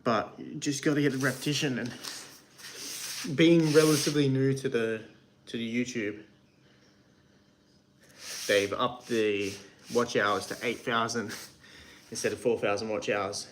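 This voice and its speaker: A man's voice: medium pitch, fairly even intonation, slight background noise. A man in his twenties livestreaming from a hot shed while lifting dumbbells, out of breath and giving a casual motivational pep talk. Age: 20s. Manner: pep-talk delivery, swears casually, pauses to count reps. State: out of breath from working out. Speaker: livestreaming creator.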